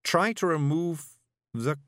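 A man voicing a calm, practical woman healer who speaks in a measured, clinical way. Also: fairly high pitch, no room sound, studio quality, pitched above the performer's own voice.

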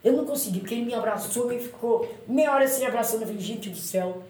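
A woman with a Brazilian Portuguese accent, interviewed as a runner, tells stories in a lively, exclamatory way and swears freely. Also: on the high side, very fast, reverberant, rough recording. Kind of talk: animated storytelling.

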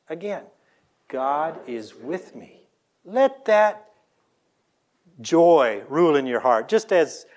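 Slow, lively-pitched male preacher. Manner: earnest preaching with swings between loud emphasis and soft low lines; leads the congregation in call-and-response. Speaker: pastor. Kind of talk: sermon.

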